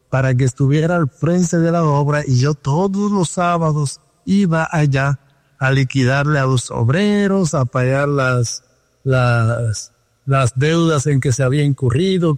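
A Dominican man speaks earnestly down a phone line, recounting his past. His voice sits a bit high and carries a long reverb. The close sound is otherwise dry. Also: darkish tone. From Dominican Republic. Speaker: guest. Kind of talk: testimony over the phone.

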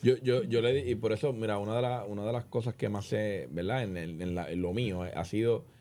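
A man's voice: fairly low pitch, fairly even intonation, a little fast, warm tone, a little hiss or hum. A man from Puerto Rico with a Puerto Rican accent, explaining housing costs on a radio talk show through worked examples, often repeating words as he thinks. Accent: Puerto Rican Spanish.

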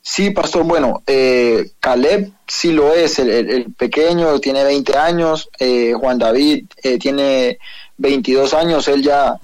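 A man's voice: mid-range voice, slow, a little mellow. A young man with a Honduran accent, a guest on a phone call, speaking hesitantly with many fillers and frequent religious phrases. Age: young adult. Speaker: guest, professional footballer. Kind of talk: phone interview.

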